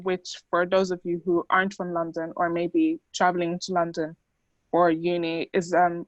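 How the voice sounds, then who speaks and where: A woman's voice: on the low side, dry recording, poor audio. A young woman who grew up in the Netherlands and speaks Dutch as her first language, giving a chatty talk to an audience with many fillers. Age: young adult. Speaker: student speaker.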